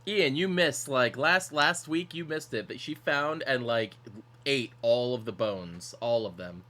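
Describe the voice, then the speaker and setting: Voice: medium pitch, unhurried, fairly bright tone. A player teasing a friend at a tabletop game, laughing and tripping over words. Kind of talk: casual chat at a tabletop game stream.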